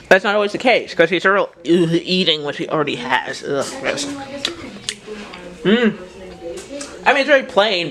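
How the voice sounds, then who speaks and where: Young woman, lowish voice, rambling casual vlog chat from the kitchen. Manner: chatty, rambling, bursts into excited cheers. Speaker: home cook and mother.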